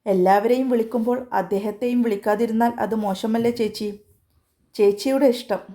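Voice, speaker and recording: A young woman in a storybook tale who holds back her own heartbreak as a woman voices her. She speaks quietly and with restraint, in a mellow, dark voice. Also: on the high side, fairly even intonation, fairly quick, lightly acted. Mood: calm.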